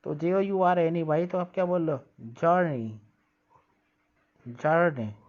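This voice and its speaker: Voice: medium pitch, lively intonation, a little mellow. A teacher reading English sentences aloud and explaining them in Hindi, asking the pupils questions and drilling pronunciation. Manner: reads English lines slowly, then explains and drills pronunciation; asks questions to students and answers them. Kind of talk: classroom lesson explaining English text in Hindi. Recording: dull lo-fi sound.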